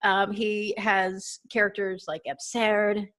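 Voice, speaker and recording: A woman's voice: medium pitch, level tone, slow pace, a bit bright. A woman from Texas hosting a casual podcast chat, chatty and giggly with many fillers. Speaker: podcast host.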